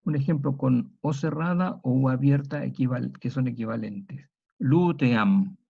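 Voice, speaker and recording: A man teaching a historical grammar lecture, slow and methodical, spelling out sounds and examples one by one. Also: medium pitch, fairly even intonation, vocal fry, husky. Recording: dull lo-fi recording.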